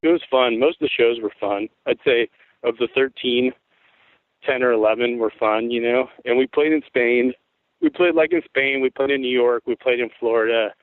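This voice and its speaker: Heard through a dry, tinny phone-like line with no echo, the guest musician is a Tacoma, Washington man in his forties. His rough, worn voice is mid-range and moves at a moderate pace as he rambles through laid-back stories full of swearing in a casual interview.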